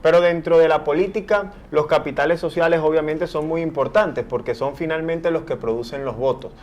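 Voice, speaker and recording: A man's voice: a little high, brisk, a little mellow. A male TV host, asking long, winding interview questions. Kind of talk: television interview.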